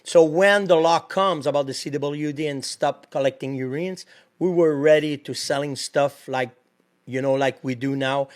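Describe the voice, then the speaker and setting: A native French speaker with a French accent appears as a guest on a podcast, talking animatedly in a casual interview, laughing often and searching for English words. His voice is on the high side, at a moderate pace.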